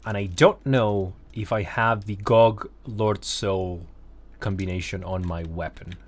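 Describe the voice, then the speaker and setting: A man's voice: lowish voice, steady tone, slow pace. A man streaming a video game, chatting casually and loosely with his chat, swearing freely and laughing at himself.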